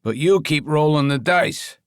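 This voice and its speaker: A man reading the audiobook voices an impatient, crude mob boss who snaps gruffly. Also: on the high side, measured pace, no echo, clean studio sound, pitched above the performer's own voice, natural voice. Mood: irritated.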